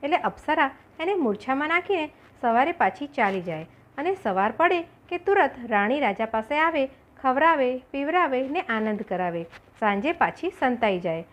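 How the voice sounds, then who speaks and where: A woman narrating a children's folk tale audiobook in an expressive storytelling manner. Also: high voice, moderate pace. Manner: expressive storytelling, voices characters.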